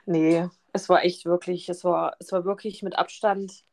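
A young woman in casual chat who talks in a relaxed way, hesitating and repeating herself as she recounts. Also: on the low side, moderate pace, vocal fry. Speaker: newly engaged guest.

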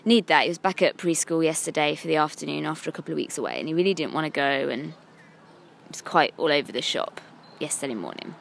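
English mum vlogging from her parked car, lively up and down voice, rambly and hard on herself. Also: fast talker, gravelly, a little hiss or hum. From England. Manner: frank, rambling and self-critical, with lively swings in pitch. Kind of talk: candid talk to camera. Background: passing cars.

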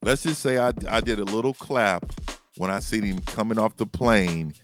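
A man's voice: fairly low pitch, moderate pace, faint music behind. A man chatting as a guest on a casual sports show, laid-back and trailing off at times.

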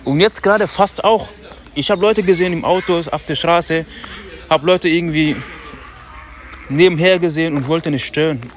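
Man, podcast host, slightly high voice, casual pep talk spoken loudly on a street, slangy asides, faint traffic hiss. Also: normal speed, long pauses. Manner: loose and self-talking, slangy asides; speaks loudly on purpose. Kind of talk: casual motivational monologue. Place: outdoors on a city street.

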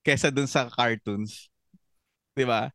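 A man co-hosting a podcast, chatting casually and often pausing on fillers as he searches for words. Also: mid-range voice, fairly even intonation, sharp tone, dry recording, clean studio sound. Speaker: podcast co-host. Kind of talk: casual chat.

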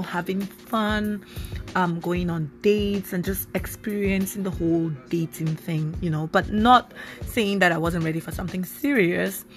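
A woman in her thirties chats through her podcast with a fairly low voice, lively and full of fillers. Soft music plays faintly in the background. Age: 30s. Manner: chatty, animated, with many fillers. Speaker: podcast host. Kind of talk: casual solo podcast talk.

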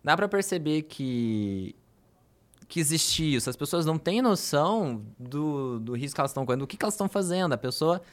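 A man from Brazil hosting a casual podcast conversation, talking quickly and emphatically and agreeing often. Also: a little high, lively intonation. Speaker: podcast host.

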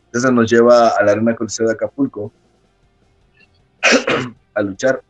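A man with a Mexican accent, a wrestler guest casually telling an anecdote, animated and often laughing as he acts out the people in it. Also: medium pitch, unhurried, faint music behind, rough recording. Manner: lively storyteller who acts out quoted people in a raised voice and laughs often.

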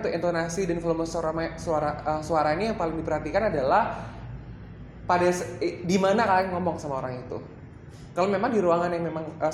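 Brief: chatty trainer at mid pitch, workshop talk with English slipped in, roomy echo. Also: a little hiss or hum. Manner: chatty, mixes in English phrases, many fillers. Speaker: workshop presenter. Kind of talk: casual training talk to a live group.

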